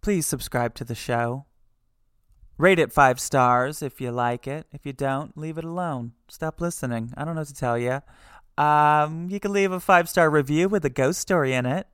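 Woman podcast host, chatty and animated, lots of fillers, casual and excitable. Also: sits low, normal speed, clear, resonant tone. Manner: chatty, animated, with many fillers and little squeals. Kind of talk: casual chat.

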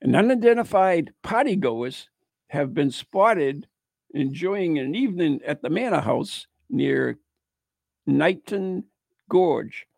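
A gravelly, husky man from the United States, his voice sitting a little high, casually reading out ghost stories and cracking jokes with a co-host. He recites the tales, then drifts off into banter. The recording is dry and close. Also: expressive, slow pace, darkish tone, no echo. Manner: chatty, joking, slips into playful high voice.

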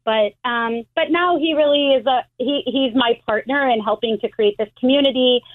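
A middle-aged American woman, a rabbi, explaining things in a measured way with frequent restarts over the phone. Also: high voice. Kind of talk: phone interview. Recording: tinny phone line.

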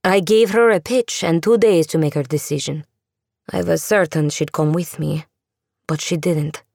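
A woman's voice: sits low, moderate pace, vocal fry, darkish tone, no room sound, studio quality. A woman voicing an earnest, defensive young Russian woman who works as a magical agent, in an audiobook. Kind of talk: audiobook character voice.

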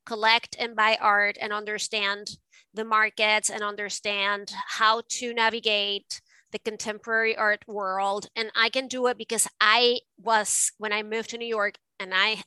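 A middle-aged woman from Venezuela talks through her life story as an interview guest, reflective and given to restarting her sentences. Her voice is bright and crisp, a little higher than most. The recording is dry and close. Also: no room sound, rough recording. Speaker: guest, art advisor. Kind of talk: casual interview.

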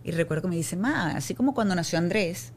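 A middle-aged woman with a slightly low voice talks in a soft, reflective and earnest way. She is from Venezuela and sits as a guest in a relaxed interview, with a faint hum behind her. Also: quick pace. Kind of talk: casual conversation.

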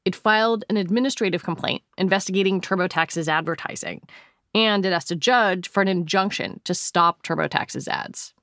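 A woman's voice: fairly low pitch, normal speed, a bit bright, dry recording, clean studio sound. A woman with an American accent presenting a podcast as host, in scripted narration.

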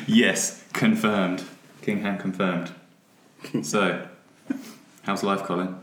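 A man co-hosting a podcast in casual chat, joking and crude and quick to laugh. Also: lowish voice, huge pitch swings, a bit bright, a little hiss or hum. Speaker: podcast co-host. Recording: roomy echo.

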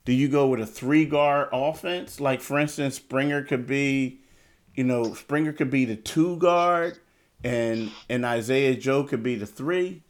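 A man's voice: mid-range voice, a little slow. A man hosting a casual sports podcast, thinking aloud, repeating himself and tossing out questions.

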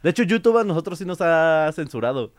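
A man's voice: on the high side, animated, no room sound. Laughing comedian man. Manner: quick joking asides, laughs often. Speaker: stand-up comedian guest. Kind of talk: casual comedic chat.

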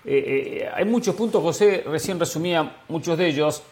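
Man, high voice, football pundit, rambling, lots of fillers, self-mocking. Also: normal speed, a little mellow. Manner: rambling, filler-heavy, self-deprecating humor. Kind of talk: sports talk show commentary.

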